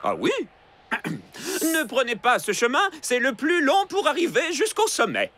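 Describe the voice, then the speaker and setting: A woman's voice: high-pitched, wildly swooping pitch, unhurried, fairly bright tone, full character voice. A woman playing a chatty, self-pleased magical translator creature in a children's cartoon, playful and showy. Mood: chatty, helpful.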